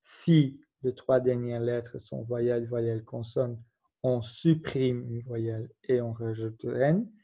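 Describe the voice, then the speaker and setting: A man's voice: mid-range voice, fairly even intonation, slow pace, warm tone. A man giving a recorded grammar lesson, patiently explaining rules and spelling out letters one at a time. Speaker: teacher. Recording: dull lo-fi recording.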